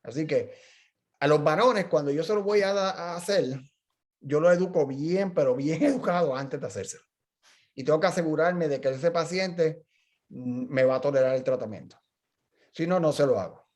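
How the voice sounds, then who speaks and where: A middle-aged man with a somewhat high-pitched voice speaks as a physical therapist in a casual journal club chat. He tells stories and explains clinical points, often backing up and restarting his sentences. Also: moderate pace, darkish tone. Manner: chatty storyteller, explains with frequent restarts.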